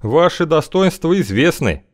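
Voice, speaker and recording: A man's voice: on the high side, very animated, measured pace, voice pushed up. A man reading an audiobook, voicing a guarded, evasive wanderer with a dry, wry way of talking.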